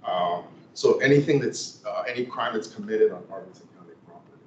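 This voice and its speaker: A man's voice: fairly low pitch, fairly quick, a little mellow, dull audio. A sheriff answering questions at a public meeting, methodically laying out his points one by one. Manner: methodical, lists points in order. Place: council meeting room. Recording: echoey room, distant mic, noisy.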